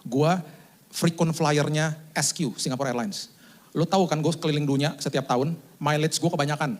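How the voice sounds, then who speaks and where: A man's voice: on the high side, fairly even intonation, normal speed, natural voice. A man voicing a casual, brash friend calling on the phone during a sermon story. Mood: breezy.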